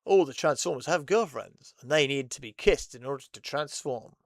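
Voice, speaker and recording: A man's voice: mid-range voice, expressive, normal speed, vocal fry, no room sound, studio quality. Chatty, rambling man. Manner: chatty, rambling, laughs often. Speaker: host. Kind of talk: casual chat.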